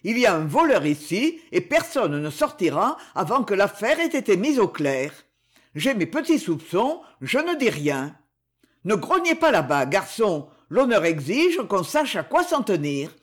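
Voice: mid-range voice, very animated, a little slow. A reader voicing César Pointel, a solemn, resolute man who takes charge in a storybook reading. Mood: firm. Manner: firm, commanding.

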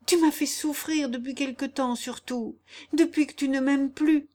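A sickly young nobleman, lovesick and anguished, reproachful in every line, as a woman reader voices him. The pitch stays fairly high with raised emphasis. This is storybook acting in an audiobook. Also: fairly even intonation, measured pace, darkish tone. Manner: impassioned, reproachful. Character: pale, feverish young male baron, lovesick and anguished. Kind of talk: audiobook character reading.

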